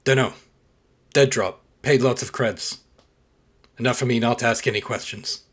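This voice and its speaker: A man's voice: medium pitch, steady tone, normal speed, lightly acted. A man voicing a curt, aging male clone mercenary with a put-on New Zealand accent. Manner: terse clipped sentences.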